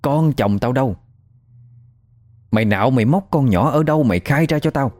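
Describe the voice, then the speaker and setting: A furious dead mother's spirit, as a male storyteller puts her on. She scolds and shouts accusations in a raised, louder voice, pitched well above the narrator's own. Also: lively intonation, normal speed, lightly acted.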